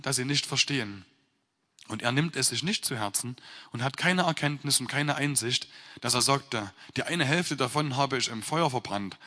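A man's voice: medium pitch, sharp tone, in a large hall. A man reading scripture aloud and then explaining it in a sermon, with firm emphatic stresses. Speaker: preacher.

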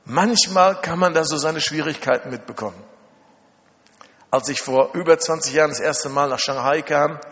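A middle-aged German man with a medium, somewhat bright voice preaches emphatically, weaving personal stories with dramatic repetition and rhetorical questions. He's recorded in a large hall, muffled and heavy with reverb.

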